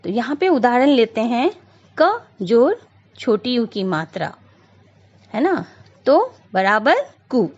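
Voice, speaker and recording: A woman teacher walks through a grammar lesson slowly and patiently, her fairly high voice rising and falling. She repeats her points and pauses on small fillers. The recording sounds dull and lo-fi. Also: big pitch swings, a little mellow. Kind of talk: slow explanatory lesson.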